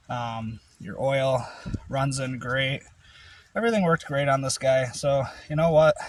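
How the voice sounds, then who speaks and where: A man's voice: medium pitch, dry recording. A man, out of breath after yard work, casually reviewing a tool outdoors. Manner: plain, with fillers. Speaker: product reviewer. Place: outdoors in rain.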